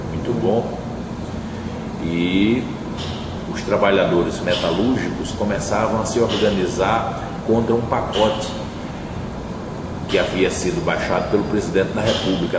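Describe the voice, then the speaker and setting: A middle-aged man, recalling past events in a measured, reflective interview. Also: low voice. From Brazil. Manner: measured, reflective, with frequent tag questions. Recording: distant, echoey, noisy room.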